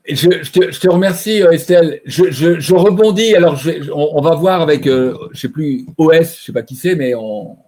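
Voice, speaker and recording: A man's voice: on the high side, moderate pace, hardly any pauses, warm tone. A man presenting an online training webinar, talking over a computer mic and explaining by asking himself questions. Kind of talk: live online training talk.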